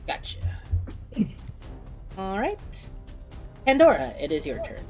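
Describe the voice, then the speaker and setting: A woman's voice: mid-range voice, huge pitch swings, slow, dark tone, soft background music. A woman casually running a tabletop game as game master, explaining things in an accommodating way.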